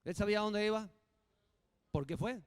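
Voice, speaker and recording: A man preaching a sermon, lively and humorous, acting out little dialogues between the points. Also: high voice, moderate pace, smooth, no room sound. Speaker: pastor.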